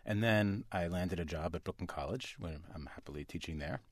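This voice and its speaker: A man's voice: deep voice, dry recording. A man from Canada, a guest author on a radio interview, speaking thoughtfully with frequent restarts and fillers. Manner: thoughtful, halting with many restarts.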